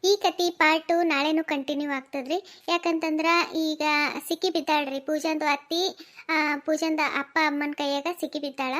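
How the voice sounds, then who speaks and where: A woman's voice: sits high, level tone, normal speed, fairly bright tone. A woman storyteller with a North Karnataka accent, politely asking viewers in a casual closing narration. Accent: North Karnataka Kannada. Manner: polite, pleading. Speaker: storyteller of the channel.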